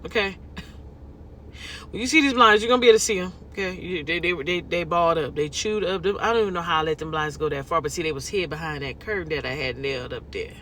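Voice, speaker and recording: A woman's voice: fairly low pitch, fast talker, a bit bright, a little hiss or hum. A woman from California with a Californian accent, chatting casually to her viewers in a vlog, folksy and talkative, tossing in lots of y'all and okay. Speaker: lifestyle vlogger.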